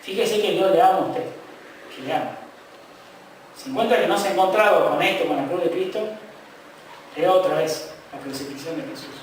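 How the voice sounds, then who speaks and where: A man's voice: high voice, a little fast, pauses often, slight background noise. A man preaching a sermon as pastor in a Rioplatense Spanish accent, impassioned, with repeated refrains and frequent rhetorical "¿eh?" asides, recorded from a distance in a church. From Argentina. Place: church sanctuary. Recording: very echoey hall, mic far off.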